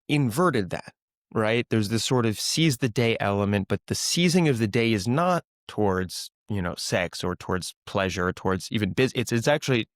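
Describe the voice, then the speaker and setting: A man's voice: mid-range voice, no room sound, clean studio sound. A man hosting an interview podcast, chatty and opinionated, with frequent "like"s as he riffs on ideas. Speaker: podcast host. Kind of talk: interview conversation.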